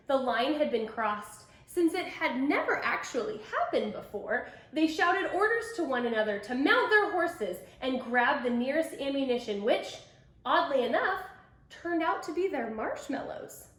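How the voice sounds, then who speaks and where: Reading a picture book aloud to children at normal speed, this woman has a high, animated voice. The delivery is expressive and emphatic, with asides to her young listeners, captured in an echoey room.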